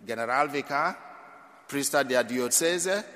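At mass, a priest from Nigeria gives an emphatic sermon in a mid-range, fairly bright voice, speaking a little slowly. Dramatic rises and drops in volume mark his delivery, and the church reverb lingers long.

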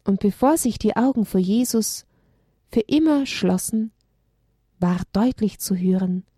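Lady reading a kids' bible story, slow and dramatic, soft mellow voice. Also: mid-range voice, lively intonation, breathy edge, no room sound, studio quality.

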